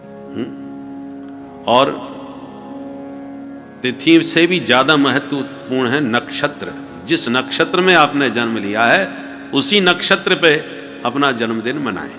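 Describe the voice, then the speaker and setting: A man's voice: medium pitch, lively intonation, slow pace, long pauses. A man telling a devotional religious story as a sermon, slipping into folk dialect for the characters and chanting refrains. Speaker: kathavachak. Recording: hall reverb with music.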